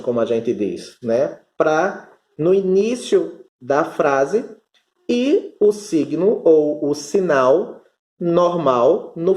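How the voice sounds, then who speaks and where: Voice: mid-range voice, mellow. A teacher with a Northeastern Brazilian accent, giving an online Spanish lesson and patiently drawing out each term. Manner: explains patiently, stretching out Spanish terms. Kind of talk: online class explanation. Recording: roomy echo.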